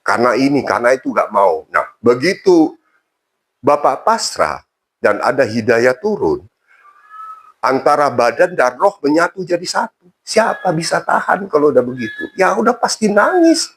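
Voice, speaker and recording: A man's voice: mid-range voice, big pitch swings, normal speed, slightly rough, voice pushed up. A man voicing an older male cleric who speaks emphatically in a raised voice. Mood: explaining. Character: older male cleric, stern then kindly explaining.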